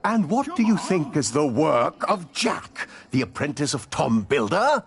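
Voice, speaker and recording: A haughty lecturing prior. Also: male voice, on the high side, very animated, unhurried. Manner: lecturing, condescending. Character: stern haughty male prior, condescending. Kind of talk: video game voice acting.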